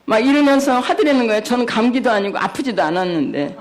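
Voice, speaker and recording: A woman's voice: on the high side, sing-song, fast talker, slight background noise. A middle-aged woman giving a personal testimony at a church service, telling her story with animation and acting out the voices of the people in it.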